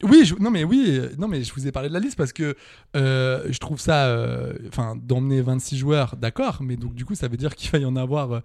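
A man's voice: medium pitch, a little fast, darkish tone, dry recording, studio quality. A young man co-hosting a casual football podcast, laughing often and trailing off mid-sentence. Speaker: podcast co-host.

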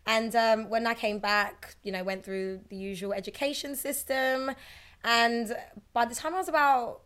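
A woman chatting casually as a podcast guest, telling her story in a colloquial, animated way. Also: fairly high pitch, moderate pace, clear, resonant tone. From born in UK, raised partly in New York. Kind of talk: casual chat.

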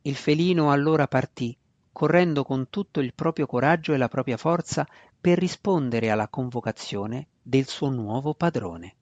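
A man reading a fantasy novel aloud in a steady, expressive narration. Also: mid-range voice, moderate pace, no echo, lo-fi sound. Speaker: audiobook narrator.

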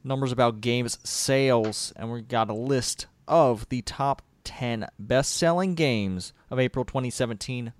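A man's voice: medium pitch, measured pace, few pauses, no room sound. A man hosting a casual gaming podcast, leading segments with a teasing, chatty manner. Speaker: podcast host.

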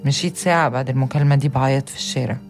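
A young woman with an Egyptian accent, giving an earnest, steady first-person account as a narrator. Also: extremely low pitch, very fast, over music. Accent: Egyptian Arabic. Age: young adult.

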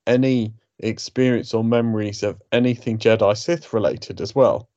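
A man's voice: lowish voice, fairly even intonation, normal speed, warm tone, dry recording, highs cut off. A man in a casual discussion who makes brief, questioning remarks.

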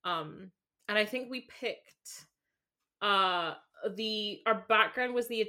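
Woman, very bright tone, chatty and upbeat, podcast guest. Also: mid-range voice, slow. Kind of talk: casual chat.

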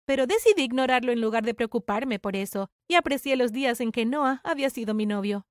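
Young woman narrating a drama story, high voice, very dry close sound. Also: animated, fairly quick, no room sound. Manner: dramatic confessional telling. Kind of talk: first-person story narration.

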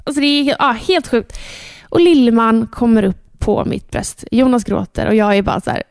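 A woman in her thirties, a podcast co-host, telling a story in a lively, animated way and acting out her own shouts. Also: on the high side, gravelly, clean tone, dry recording, clean studio sound. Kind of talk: casual chat.

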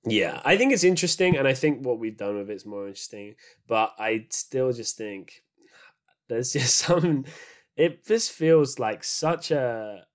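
A man's voice: medium pitch, animated, a little slow. A man co-hosting a podcast in casual chat, rambling with frequent laughs and restarts. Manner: chatty, laughs often, many restarts. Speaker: podcast co-host.

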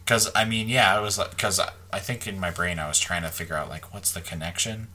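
A man's voice: low voice, fairly even intonation, brisk, background noise. A young man in casual conversation about a film, hesitant and loose, saying "like" a lot. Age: young adult. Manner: loose, hesitant, says "like" often.

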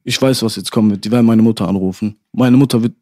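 A man's voice: lowish voice, steady tone, very fast, warm tone, dry recording, clean studio sound. A young man in a casual chat, animatedly telling a school story to his friends and often calling them "Bruder".

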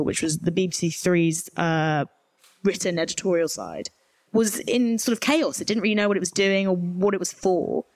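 A woman's voice: medium pitch, no room sound, rough recording. Young woman with a modern British RP accent. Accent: modern British Received Pronunciation. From rural Herefordshire, England. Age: young adult. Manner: informal, frank, with emphatic asides. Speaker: journalist guest on a panel. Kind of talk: candid conversational interview answers at a live event.

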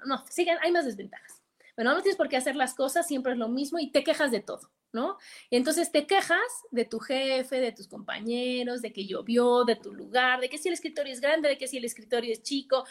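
Middle-aged Mexican woman host, high-pitched, lively anecdotal delivery. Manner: chatty storytelling, acting out quoted voices. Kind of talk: casual advice talk to listeners.

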